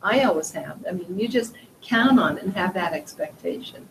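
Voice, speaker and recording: A woman's voice: on the low side, animated, moderate pace. A woman in her fifties, a veteran real estate agent, telling a story enthusiastically with many fillers. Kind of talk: casual storytelling in a meeting. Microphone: distant room microphone. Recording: echoey room, far from mic, noisy.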